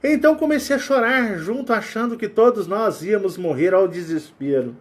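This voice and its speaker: A man with a Brazilian Portuguese accent giving a casual spiritual talk, sweating and animated as he acts out sounds and quotes. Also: sits high, normal speed. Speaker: spiritual channel host.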